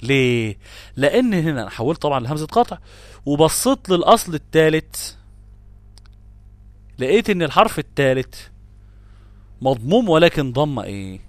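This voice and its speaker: An Egyptian man gives a tajweed lesson, repeating example words with emphatic stress. He poses questions to his listeners and answers them himself, mixing classical phrasing with colloquial asides. His voice sits somewhat high and the recording is dry. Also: big pitch swings, a little fast, long pauses, dry recording. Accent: Egyptian Arabic. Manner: switches between classical Arabic and colloquial asides. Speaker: Quran recitation teacher. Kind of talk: tajweed lesson explaining grammar rules.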